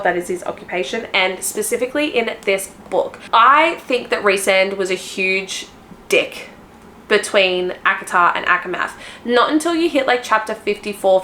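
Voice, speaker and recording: A woman's voice: mid-range voice, bright, forceful tone, slight background noise. A woman book vlogger chatting casually to her viewers, gushing and rambling with frequent restarts.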